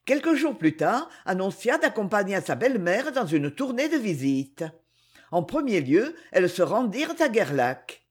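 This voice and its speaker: Woman reading a novel, husky and expressive. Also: mid-range voice, normal speed. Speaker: audiobook reader.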